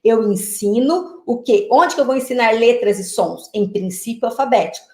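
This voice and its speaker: Brazilian woman teacher trainer, slightly high voice, explains patiently with "né?" tags, roomy webcam sound. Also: normal speed, darkish tone. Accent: Brazilian Portuguese. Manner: explanatory, repeats "né?" and "tá?" often. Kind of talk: online lecture to teachers. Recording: roomy echo.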